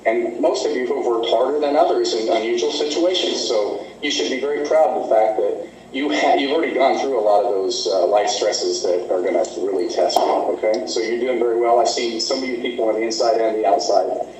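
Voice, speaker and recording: A man's voice: medium pitch, a little fast, hardly any pauses, darkish tone, slight background noise. A man giving a graduation speech, telling stories in a loose, conversational way with many fillers. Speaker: graduation speaker. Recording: echoey hall from far off.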